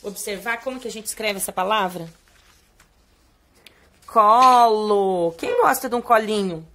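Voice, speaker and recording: A young adult woman with a Brazilian Portuguese accent teaches young children, reading a poem line by line. She draws out the key words slowly in a sing-song way to get them to read along. Her voice sits at an ordinary middle pitch. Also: a bit bright.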